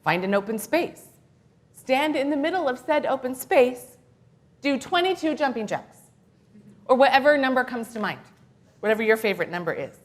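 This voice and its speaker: A woman minister giving a playful, animated children's talk during a worship service, asking the kids questions and reading short tips aloud. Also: high-pitched, normal speed, pauses often. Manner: animated, playful, gently encouraging. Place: church sanctuary.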